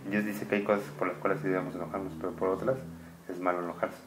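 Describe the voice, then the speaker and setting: Un padre mexicano de tono bajo da una clase en casa con calma y paciencia. Va intercalando preguntas para el niño mientras narra y comenta el texto sagrado. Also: male voice, low-pitched, noisy background. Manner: patient, asks the child questions, reads passages slowly and louder. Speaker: father homeschooling his child. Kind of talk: reading and explaining a scripture story to a child.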